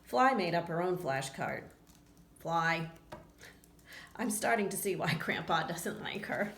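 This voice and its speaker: Speaking slowly in a lowish voice, a woman reads a picture book to children, performing the characters' lines expressively and breaking off now and then for friendly asides to the kids. There's a roomy echo and a little background noise.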